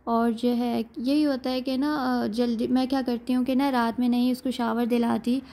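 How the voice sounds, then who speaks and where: Her voice is fairly high and dark-toned, delivered flatly at normal speed. As a lifestyle vlogger, this young woman gives a casual, chatty voice-over of her day, peppered with plenty of "aur jo hai."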